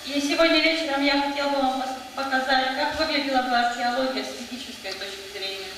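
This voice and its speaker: Female consecutive interpreter for a lecture. High-pitched voice, live hall recording with clear noise. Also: fast, a bit bright. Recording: echoey hall, distant mic, noisy.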